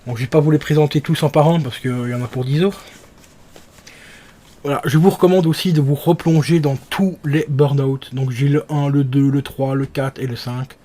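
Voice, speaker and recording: A man's voice: medium pitch, normal speed. A young man chatting casually about his game collection, rambling with lots of fillers and restarts. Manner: relaxed, rambling with many fillers. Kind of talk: casual chat.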